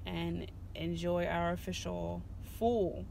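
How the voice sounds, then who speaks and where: A woman in her thirties, co-hosting a family vlog from a car, chatty and quick to laugh. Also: lowish voice, steady tone, gravelly. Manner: warm, laughs often. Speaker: vlog co-host. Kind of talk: casual chat. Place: inside a parked car. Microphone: phone camera on the dashboard. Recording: car interior with noise.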